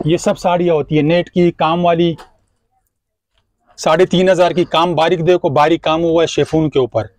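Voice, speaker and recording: A man, a shopkeeper showing clothes and briskly repeating prices on a lapel mic in a crowded market shop. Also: a little high, fairly even intonation, a little mellow, no echo. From Pakistan. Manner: brisk, repetitive price listing. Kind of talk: showing goods and quoting prices.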